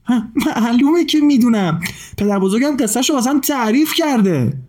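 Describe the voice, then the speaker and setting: A man's voice: extremely high pitch, very animated, a little mellow, voice pushed up, exaggerated voice. A man voicing a shy young boy who stutters, repeating the first sounds of his words, in a children's storybook. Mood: proud.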